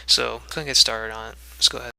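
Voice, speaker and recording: A man's voice: mid-range voice, fairly even intonation, quick pace, gravelly, sharp tone, smooth. A young man giving casual commentary on his own gameplay video, rambling with many fillers and restarts and a little out of breath.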